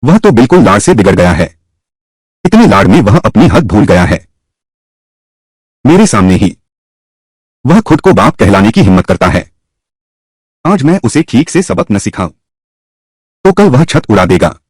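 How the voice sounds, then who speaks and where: A harsh, scolding father who heads the household, played by a man. His pitch rises and falls a lot, and his voice is slightly husky. The audio is dry and close in this dubbed drama. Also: sing-song, a little slow, long pauses, a little mellow, no echo, full character voice. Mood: angry. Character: stern angry middle-aged father, head of house.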